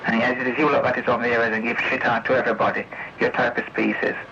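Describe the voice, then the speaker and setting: A mid-range voice with little pitch movement races along at a quick pace as an English man rants angrily over CB radio. He swears a lot and keeps repeating himself confrontationally, all through a noisy, muffled vintage transmission.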